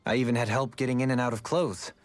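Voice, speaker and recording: A refined former lord in a game, gentle and a little eccentric, as a man voices him. He talks in formal, courtly phrases. His voice sits at an ordinary middle pitch. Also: steady tone, fast, dry recording, faint music behind, natural voice. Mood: reflective. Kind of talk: game character dialogue.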